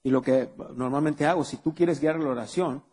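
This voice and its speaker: A man's slightly high, darkish voice with a breathy edge moves at a normal pace as he preaches. He's a pastor pressing rhetorical questions on his congregation in a church hall, recorded with long hall reverb.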